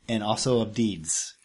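A man's voice: lowish voice, slightly rough. A man chatting casually as a tabletop player, explaining things in a wry way. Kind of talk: casual chat, character introduction.

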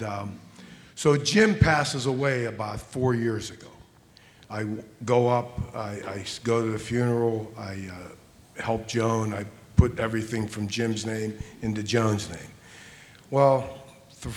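A man in his sixties, a financial advisor on a conference panel, telling an earnest story, often restarting and repeating words as he acts out conversations. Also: mid-range voice. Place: conference hall. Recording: long hall reverb.

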